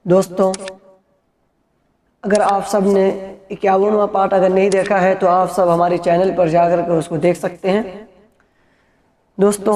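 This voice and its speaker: A man with an Indian Hindi-Urdu accent teaching Quran reading, chanting verses in a slow, drawn-out melody and explaining pronunciation quickly in between. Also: high-pitched, a little mellow. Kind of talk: Quran recitation lesson. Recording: roomy echo.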